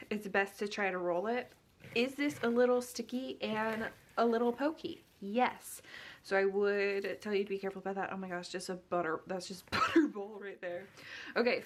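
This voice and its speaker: A young woman with the hiccups hosting a casual cooking vlog, chatty, giggly and self-deprecating as she works. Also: mid-range voice. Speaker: cooking vlogger.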